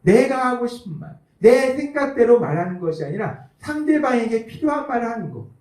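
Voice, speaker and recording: A male pastor preaches with a high, lively voice that rises and falls freely, leaning hard on key phrases. He sounds a little distant from the mic, in an echoey church hall. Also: brisk. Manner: emphatic, repeats key phrases, acts out little dialogues. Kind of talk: sermon. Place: church sanctuary.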